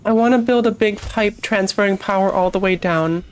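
A woman's voice: mid-range voice, normal speed. Blunt, foul-mouthed woman streamer. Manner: swears a lot, blunt and chatty. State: phlegmy morning voice. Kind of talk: casual gaming stream chat.

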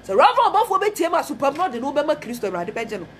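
A woman's voice: high voice, sing-song, racing, a bit bright. A woman with a Ghanaian accent preaching a fervent message, repeating phrases and mixing Twi with English. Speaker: prophetess.

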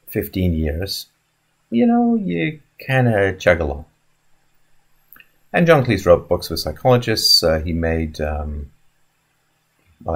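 A man in his fifties talking casually on a live stream from an indoor room, musing and rambling with many fillers and restarts as he answers chat questions. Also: deep voice. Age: 50s. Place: indoor room in front of a wooden wall.

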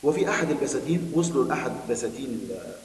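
A man with an Egyptian Arabic accent teaching a primary school Arabic lesson, quickly explaining a text to children. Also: mid-range voice, very animated. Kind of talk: recorded classroom lesson. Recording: echoey room, distant mic, faint hiss.

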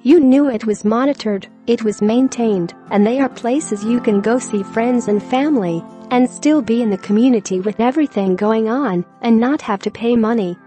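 A woman giving a scripted narration of a news article, reading straight through the text in a flat manner. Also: a little high, moderate pace, hardly any pauses, breathy edge. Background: music.

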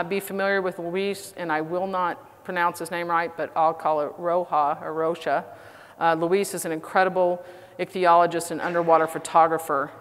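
A middle-aged woman with a Texas accent giving a conference talk, chatty and self-deprecating with frequent fillers. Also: lowish voice. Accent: Texan. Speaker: conference speaker. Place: large conference hall. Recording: reverberant conference hall.

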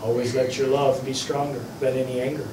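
A man's voice: medium pitch, little pitch movement, a little fast. Male [name]-style wedding officiant in echoey chapel. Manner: ceremonial with playful catchphrases. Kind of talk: officiating a vow renewal ceremony. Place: small indoor wedding chapel. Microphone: distant camera mic. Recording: echoey room, distant mic, faint noise.

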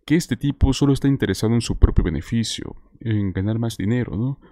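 Man, 30s, dark mellow voice, conversational news commentator, rhetorical questions, dry close mic. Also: mid-range voice, a little fast, no room sound. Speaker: political commentator. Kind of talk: online news commentary addressed to viewers. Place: small indoor streaming setup. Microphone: close desk microphone with headphones.

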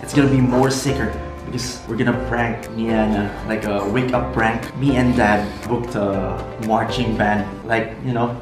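A young man hosting a casual vlog, talking to the camera in an excitable, slangy way in a living room. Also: on the low side, a little slow, hardly any pauses. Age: young adult. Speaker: vlogger host. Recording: echoey room, loud music over voice. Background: loud music.

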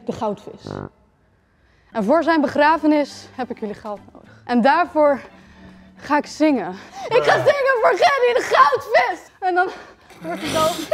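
A woman performing an absurd, awkward comic monologue who keeps breaking off mid-sentence. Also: sits high. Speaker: contestant. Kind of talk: comic monologue and silly song.

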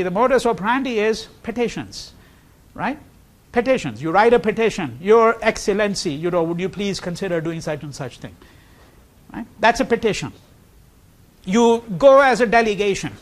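Brief: male lecturer, higher voice, lively classroom delivery, questions to the students. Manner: animated, rhetorical questions, frequent "okay?" and "right?". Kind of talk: university history lecture.

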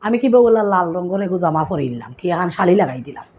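A woman vlogger with a Sylheti accent, casually explaining local sayings and acting them out with lively bits of storytelling. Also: on the low side, quick pace.

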